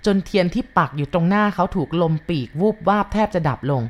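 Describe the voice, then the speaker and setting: A woman tells a ghost story at an even, unhurried pace. Her voice sits a little low for a woman, and she keeps the reading calm and steady. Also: muffled recording.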